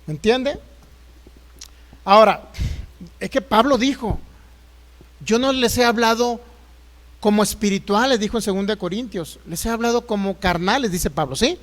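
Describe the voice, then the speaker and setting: High-voiced pastor preaching emphatically. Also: male voice, moderate pace, long pauses. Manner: emphatic, acts out quoted voices. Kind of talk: sermon.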